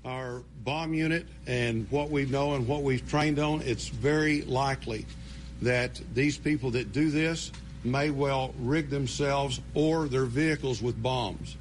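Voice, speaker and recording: An American man speaking as a police spokesman at a briefing, giving a matter-of-fact, step-by-step account. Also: medium pitch. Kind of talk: press briefing. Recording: faint background noise.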